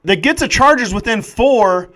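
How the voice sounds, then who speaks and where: A man doing live play-by-play football commentary, excitable and jokey with rambling asides. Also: very high-pitched, moderate pace.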